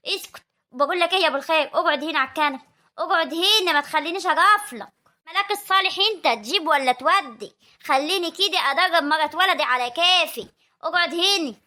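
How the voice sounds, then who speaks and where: Woman playing a bossy older village mother, very high voice, quick scolding. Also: sharp tone. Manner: scolding, commanding. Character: bossy older rural mother, sharp-tongued. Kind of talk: comic family drama acting.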